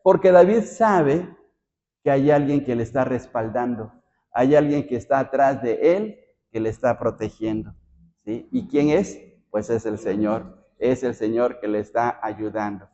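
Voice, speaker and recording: A man's voice: mid-range voice, measured pace, warm tone, highs cut off. A man preaching a Bible study sermon as pastor, asking the congregation rhetorical questions.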